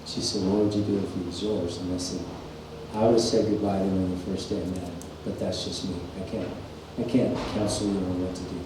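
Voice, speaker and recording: A man's voice: deep voice, flat delivery, brisk. A middle-aged man telling folksy, rambling stories as a farrier instructor at a clinic presentation. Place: large workshop or clinic hall. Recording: echoey shop, mic far off, faint hum.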